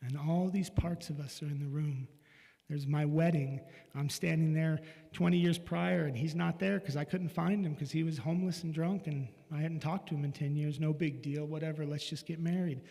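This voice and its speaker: Middle-aged man, light higher voice, telling a personal story frankly, with casual swearing; long hall reverb. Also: steady tone, normal speed, vocal fry, dark tone. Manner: candid and confessional, with casual swearing. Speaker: speaker sharing a personal story.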